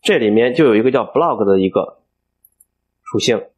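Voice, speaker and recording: A man teaching a coding tutorial over a screen recording, explaining each step aloud and filling pauses as he thinks. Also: mid-range voice, animated, darkish tone, breathy edge. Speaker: programming instructor.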